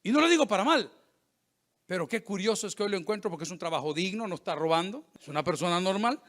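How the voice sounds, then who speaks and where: A middle-aged pastor with a high voice talks fast through a sermon, animated and joking. When quoting people, he takes on their voices.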